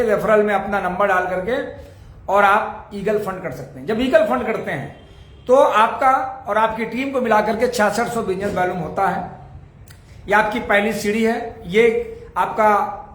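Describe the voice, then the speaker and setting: Trainer, male, higher pitch, echoey room, motivational repetition. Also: a bit bright. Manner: rhetorical questions and repeated points. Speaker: network marketing trainer. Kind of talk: motivational sales training talk.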